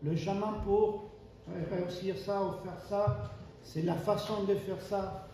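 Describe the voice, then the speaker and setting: An Argentine man, a native Spanish speaker with an Argentine accent, preaches a sermon emphatically, repeating key phrases and asking rhetorical questions. His voice is high, his delivery flat and slow. The mic is far off in an echoey church hall, and there is background noise.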